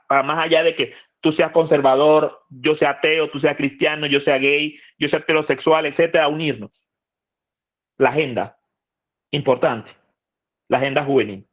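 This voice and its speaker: A man giving a conversational lecture to a youth group, asking the audience questions and repeating phrases for emphasis. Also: on the high side. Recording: tinny phone-like audio.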